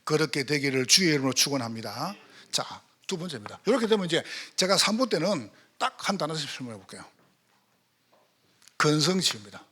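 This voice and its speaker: Lively Gyeongsang-accented pastor, husky voice. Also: male voice, on the high side, a little fast. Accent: Gyeongsang Korean. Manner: lively preaching with frequent rhetorical questions to the congregation. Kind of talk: sermon. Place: church sanctuary.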